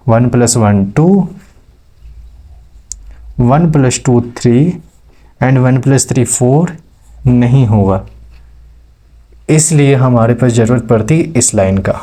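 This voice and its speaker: A man's voice: mid-range voice, mellow. A man teaching maths step by step, checking in with his students as he explains. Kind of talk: classroom lecture.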